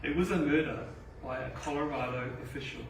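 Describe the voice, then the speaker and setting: Grave male speaker, deliberate, far off the mic in a very echoey hall. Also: a little high, creaky, background noise. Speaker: father of the victim. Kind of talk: press conference statement. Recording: distant roomy press-conference audio.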